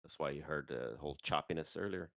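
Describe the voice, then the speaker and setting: Very deep-voiced man talking trades. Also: quick pace, creaky, a bit bright, no room sound. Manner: loose and conversational, with fillers and mild swearing. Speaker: host trader on a live stream. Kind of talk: casual live market commentary. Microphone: handheld microphone.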